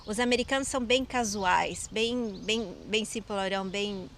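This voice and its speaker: Host: Brazilian woman, Brazilian Portuguese accent, relaxed chat, leads with questions. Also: medium pitch, unhurried, a little hiss or hum. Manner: leads the talk by quizzing her guest. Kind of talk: casual chat.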